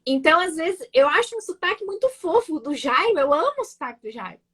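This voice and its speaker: A high-pitched woman speaking with a blended southern Brazilian accent, somewhere between gaúcho and Florianópolis. She talks freely and at length in a casual interview, repeating words and tagging her points with little checks to the listener. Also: sing-song, fairly quick, sharp tone. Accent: mixed southern Brazilian, gaúcho and Florianópolis. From Rio Grande do Sul, Brazil. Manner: talkative, repeats words, frequent "né?" and "sabe?". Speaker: guest, nurse marketing creator.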